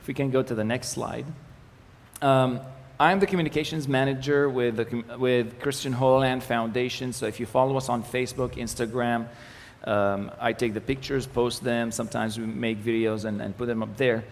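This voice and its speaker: A young man from the Galilee in Israel, whose first language is Arabic, works as a ministry communications manager and presents his ministry to a church audience. He's relaxed and jokey, with many fillers and restarts, speaking at normal speed in a mid-range voice. The recording is from an echoey hall with faint noise.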